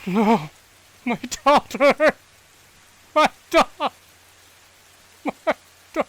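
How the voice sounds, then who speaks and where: A man's voice: extremely high pitch, animated, drawn-out words, no echo, pitched above the performer's own voice, heavily acted. A man playing a grieving father. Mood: sobbing. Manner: pleading, breaking into anguished shouts.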